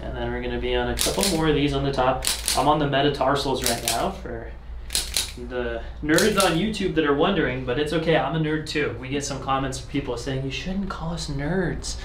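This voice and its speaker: This chiropractor talks at a slightly quick clip in a mid-range voice, walking his patient through the treatment in a calm, conversational manner as he works. He's in an indoor treatment room, and the recording picks up clean room ambience in the background.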